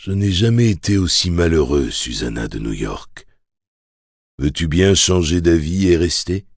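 A man voicing a weary, lonely old gunslinger who speaks low and mournfully in an audiobook. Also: sing-song, measured pace, no echo, clean studio sound, full character voice. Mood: sorrowful. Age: older.

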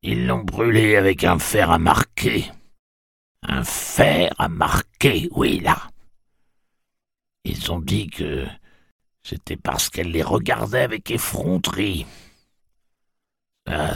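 A man reading an audiobook voices a blunt, weary old woman who speaks firmly and loudly. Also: low-pitched, animated, slow, vocal fry, pauses often, slightly rough, no room sound, studio quality, pitched above the performer's own voice, heavily acted.

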